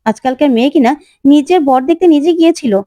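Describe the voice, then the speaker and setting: A woman's voice: sits high, fast, dark tone, no room sound, pitched above the performer's own voice, lightly acted. A woman voicing a blunt young woman who talks in a teasing way.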